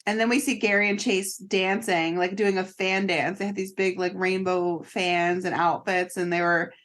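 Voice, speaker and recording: A woman co-hosts a podcast, chatting casually as she recaps a reality show. Her voice is steady, moderately paced and a bit bright, and she giggles often, acting out quotes in high voices.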